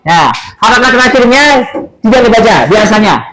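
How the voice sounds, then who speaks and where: A man teaching Arabic, leading slow call-and-response drills and breaking into quick explanations and scolding. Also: very high voice, animated, crowd noise, poor audio. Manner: drills phrases slowly, then scolds and explains rapidly. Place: school classroom full of students. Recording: classroom with pupils chattering behind.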